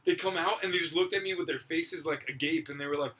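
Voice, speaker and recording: A young man hosting a podcast, telling a long story in a casual, animated way, laughing often and filling his talk with "dude" and "like". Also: fairly high pitch, fast talker. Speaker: podcast host.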